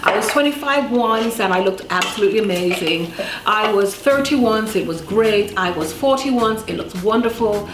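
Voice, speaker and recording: A Jamaican woman of about fifty hosts a casual cooking demonstration, chatty and emphatic, throwing questions at the listener in a mid-range, animated voice at a moderate pace. The room echoes, with loud music behind her along with clattering pots and stirring, and there's background noise.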